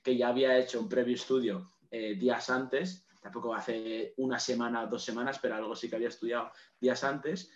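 A man's voice: mid-range voice, steady tone, a little fast, few pauses. A young man, chatting casually as a podcast co-host, rambling off on tangents and swearing offhandedly. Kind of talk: casual chat. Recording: roomy, dull lo-fi sound.

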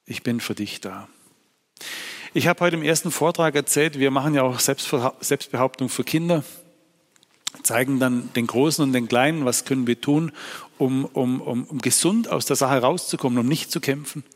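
Earnest male preacher in a reverberant hall. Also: normal speed. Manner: earnest, swings between hushed low phrases and raised emphatic ones.

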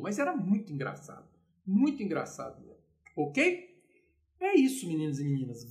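A man from Brazil giving an informal music lesson, retelling the story in a lively way and acting out the quotes. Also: high-pitched. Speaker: music lecturer.

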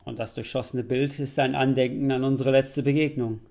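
A man reading aloud, voicing an embarrassed count who tells his story earnestly, with a gravelly voice. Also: mid-range voice, fairly even intonation, brisk, a little mellow, lightly acted.

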